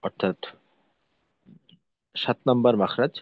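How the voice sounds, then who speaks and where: A man's voice: medium pitch, measured pace, dry recording, highs cut off. A man teaching the pronunciation of Arabic letters in a lesson, patiently repeating his points and demonstrating each sound. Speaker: Quran recitation teacher.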